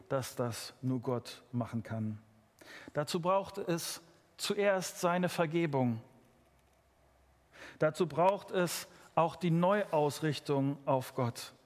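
A man's voice: high-pitched, long reverb tail. A man preaching a sermon, speaking earnestly and addressing his listeners directly.

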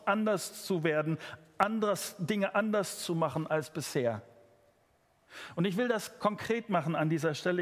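Male preacher, high voice, earnest direct sermon delivery, church hall reverb. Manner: earnest, direct address to listeners, varied pitch.

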